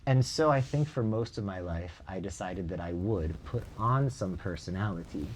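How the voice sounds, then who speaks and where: Deep-voiced man speaking into a close mic. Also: expressive, moderate pace, a little hiss or hum. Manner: thoughtful, reflective, with frequent "like" and "um". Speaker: relating practice facilitator. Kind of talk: casual conversation.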